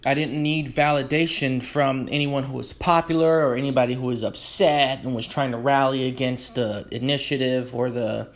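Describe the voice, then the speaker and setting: A man's voice: mid-range voice, fairly even intonation, normal speed, hardly any pauses. Candid rambling man reflecting aloud. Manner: rambling, self-correcting, candid. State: burping after drinks. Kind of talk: reflective personal monologue.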